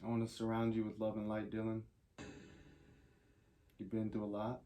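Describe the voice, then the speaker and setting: A man hosting a spirit box session, asking short, earnest questions gently and pausing between them. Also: on the low side, completely flat delivery, slight background noise. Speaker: host, paranormal investigator. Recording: echoey room with music behind.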